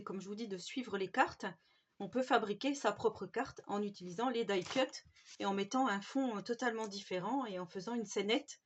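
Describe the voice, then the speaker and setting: A woman casually showing off craft supplies she bought, chatty and gushing, with many fillers. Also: medium pitch. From France. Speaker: craft vlogger. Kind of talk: casual haul show-and-tell. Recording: slightly dull home recording.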